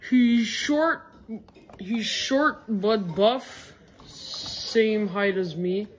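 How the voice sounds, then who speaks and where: A female speaker showing off toy figures, heard in slowed-down playback that drags and deepens the voice. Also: lively intonation, slight background noise. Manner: drawn-out, sluggish delivery. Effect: slowed-down playback, pitched deeper. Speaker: toy reviewer. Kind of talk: casual toy show-and-tell.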